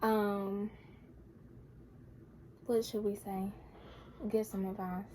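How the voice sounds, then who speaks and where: A woman's voice: medium pitch, little pitch movement, drawn-out words, darkish tone, slight background noise. Giggly teenage girl chatting casually. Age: teens. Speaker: vlogger, expecting mother. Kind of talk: casual chat.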